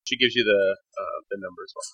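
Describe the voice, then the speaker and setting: A game master narrating a tabletop game in a relaxed, easygoing way. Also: low-pitched, fast talker, husky, no room sound, highs cut off.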